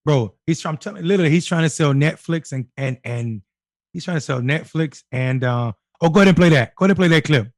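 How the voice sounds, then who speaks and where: A man's voice: a little high, quick pace, no room sound, studio quality. A man hosting a casual political chat show, bantering loosely with jokes and profanity. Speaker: host.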